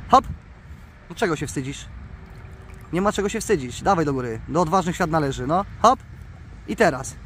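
A man vlogging outdoors by the water, excitedly coaxing his pet bird and calling its name. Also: on the high side, moderate pace, long pauses, slight background noise. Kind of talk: casual outdoor vlog.

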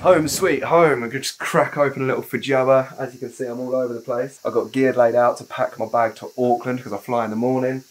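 A man's voice: mid-range voice, steady tone, a little fast, hardly any pauses, slight background noise. A young man, chatting casually and cheerfully to a handheld camera while travelling outdoors, laughing often. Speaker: travel vlogger. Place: outdoors on a road trip.

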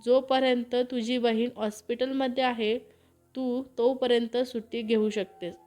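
A fairly high-voiced woman tells a romantic story, carrying the dialogue of every character herself. She gives the lines feeling without changing voices, and faint music plays under her narration. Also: little pitch movement, a little slow, darkish tone.

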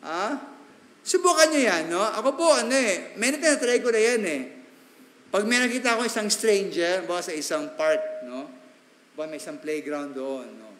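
A male pastor preaches to his congregation in a church sanctuary, mixing Tagalog and English. His bright, high-pitched voice carries a chatty tone with quick asides and tag questions prompting agreement, all ringing out in the hall's long, echoing reverb.

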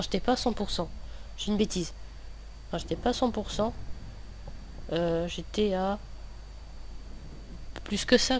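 Young male gamer, slushy lisped s, casual gameplay commentary, hesitant and rambling, noticeable background noise. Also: sits high. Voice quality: lisp, slushy s sounds. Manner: hesitant, rambling, self-correcting. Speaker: gaming video host.

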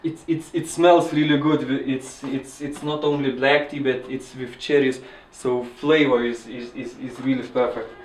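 A man in his twenties with a Lithuanian accent, explaining things casually to camera in a hesitant, halting way. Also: mid-range voice, steady tone. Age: 20s. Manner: hesitant, halting with repeated words. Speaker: student interviewee. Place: small indoor kitchen. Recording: echoey kitchen with audible background noise.

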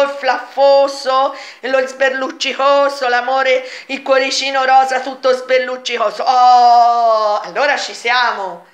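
A woman's voice: high voice, a bit bright. A woman vlogger making an emphatic, insistent monologue full of rhetorical questions in reply to a comment. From Italy. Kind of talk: argumentative monologue answering a comment.

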